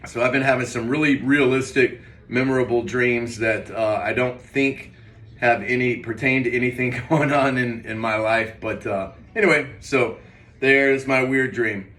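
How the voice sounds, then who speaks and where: A man's voice: medium pitch, fairly even intonation, moderate pace, fairly bright tone. A man casually rambling through a personal story, recounting a dream in a hazy, puzzled way with trailing, hesitant phrases. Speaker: vlogger. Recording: roomy echo, distant mic.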